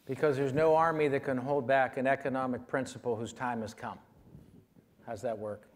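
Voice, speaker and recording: A man's voice: medium pitch, steady tone. Confident man answering keynote questions. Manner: measured, confident, frequent fillers. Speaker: keynote speaker. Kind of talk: conference keynote Q&A. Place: large conference hall stage. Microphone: lapel mic.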